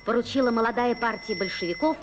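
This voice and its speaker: Casting: female newsreel narrator, fairly high voice, measured storytelling pauses, dull 1980s film sound with music underneath. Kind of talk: scripted newsreel narration for a children's documentary film.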